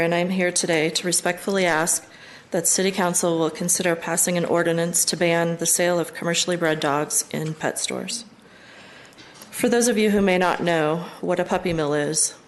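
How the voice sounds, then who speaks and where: An American woman reads a prepared statement to a city council in a composed, formal way. Her voice sits low. A faint hum lies behind her. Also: poor audio. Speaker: public commenter.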